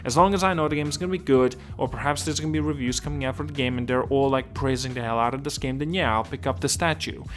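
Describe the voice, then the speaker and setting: A man's voice: medium pitch, quick pace, hardly any pauses, fairly bright tone. Rambling gaming vlogger man from Estonia. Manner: rambling, restarts a lot, keeps asking if it makes sense. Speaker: gaming video host. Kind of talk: casual gaming commentary.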